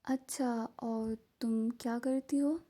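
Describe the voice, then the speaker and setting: A woman voicing a calm, caring middle-aged mother who speaks softly and gently. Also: on the high side, takes it slowly. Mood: gentle. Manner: soft, gentle.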